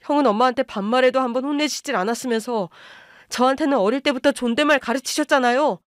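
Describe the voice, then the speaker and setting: A woman's voice: high voice, fast talker, no room sound, clean studio sound, pitched above the performer's own voice, close to an everyday voice. A woman voicing a younger son and husband who confronts his mother in wounded anger, in a storybook radio drama. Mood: angry hurt. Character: older male husband, younger son, hurt and angry.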